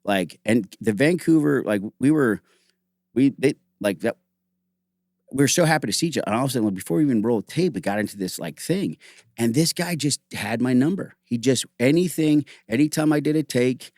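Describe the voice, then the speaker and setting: A middle-aged man hosting a casual podcast conversation, telling animated stories full of "like" and acted-out quotes. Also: mid-range voice, brisk, dry recording, studio quality. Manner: animated storytelling, acts out quotes; heavy use of "like", frequent restarts. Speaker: host.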